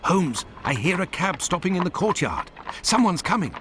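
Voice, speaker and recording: An actor playing a loyal, proper Victorian doctor in a video game, with a British accent and an earnest, expressive manner. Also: male voice, high voice, moderate pace, background noise. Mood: alert.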